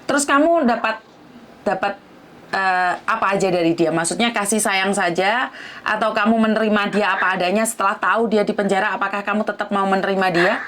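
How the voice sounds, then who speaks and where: This is a woman hosting a live-stream interview, speaking. She probes her guest and keeps asking for confirmation. Her voice sits at a middling pitch, with faint background noise. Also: fairly quick, fairly bright tone. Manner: probing, asks for confirmation often. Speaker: host.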